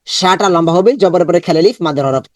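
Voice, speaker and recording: A man teaches an online Quran lesson, his voice sitting fairly high. He breaks words into syllables and repeats each one slowly, then chants the verse in long drawn-out tones. The sound is dry and close, with no room echo. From Bangladesh. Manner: slow syllable-by-syllable drilling with repetition.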